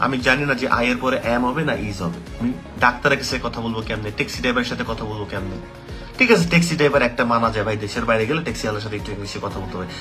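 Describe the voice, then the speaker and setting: A man who teaches English, speaking casually to camera, full of rhetorical questions and mixing in English phrases. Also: medium pitch. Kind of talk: casual opinion talk to camera.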